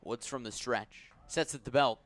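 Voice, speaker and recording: A male radio announcer does live play-by-play of a baseball game, his delivery measured and descriptive until the action picks up and his voice lifts with it. His pitch is medium and his tone fairly bright, with no echo on the recording.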